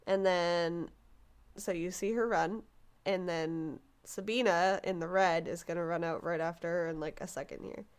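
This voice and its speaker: A woman co-hosting a podcast, telling a disturbing story in a casual, animated way, stumbling over words and acting out quotes. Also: fairly low pitch, normal speed, smooth.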